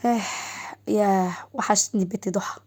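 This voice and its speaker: A woman storyteller doing a brash Egyptian brother in an audio story. He jokes and ribs, in a mellow, dark tone. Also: mid-range voice, fairly even intonation, normal speed, close to an everyday voice. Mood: joking. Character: joking brother, loud and playful.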